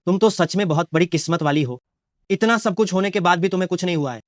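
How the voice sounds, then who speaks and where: Brief: man doing a cruel, scornful young groom for a drama dub, high, thin voice. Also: quick pace, no room sound, studio quality, close to an everyday voice. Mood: cold cruel. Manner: sneering and menacing. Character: cruel greedy young man betraying his lover. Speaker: dubbing actor. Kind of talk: Hindi dub of a short drama.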